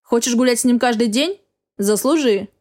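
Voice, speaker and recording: A woman's voice: on the high side, normal speed, a little mellow, lightly acted. A woman voicing a cold, contemptuous man who gives curt, clipped orders in an audiobook. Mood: cold, commanding. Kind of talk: audiobook character voice.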